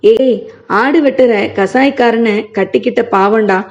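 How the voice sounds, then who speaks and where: Taking on the role of an ailing middle-aged village wife in mourning, a woman reads with reproach and lament in her delivery. Her voice is on the high side with a darkish tone and an unhurried pace, and the recording is muffled and lo-fi.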